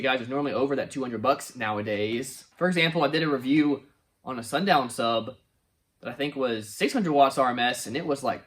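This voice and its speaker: A man reviewing car audio gear in an excited, folksy vlog style, often calling out to viewers. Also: medium pitch. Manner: excited, folksy, says "y'all" and "guys" a lot. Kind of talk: enthusiastic product review vlog.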